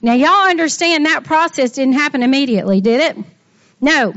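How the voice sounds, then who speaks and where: A woman teaching a Bible lesson, talking straight to her listeners in an animated way. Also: high voice, normal speed, dry recording, highs cut off. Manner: animated, talks straight to listeners with "y'all" and "amen".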